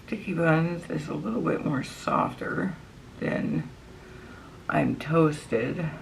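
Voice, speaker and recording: A woman talks her way casually through a makeup tutorial while chewing gum. Her delivery is unhurried, with a gravelly fry, and often drops to a near-whispered murmur. There is faint noise behind her. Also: low-pitched, rough recording.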